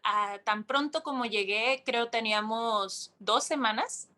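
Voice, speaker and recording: A young adult woman, a podcast guest telling a story in a casual, animated way, acting out the quotes. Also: on the high side, a little slow. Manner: animated, full of restarts and acted-out quotes.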